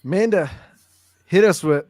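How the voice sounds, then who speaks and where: A playful, teasing host who swears freely while throwing questions to the others. His voice sits fairly high for a man. The sound is dry and close. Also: moderate pace, a little mellow, no room sound. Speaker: podcast host. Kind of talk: casual chat.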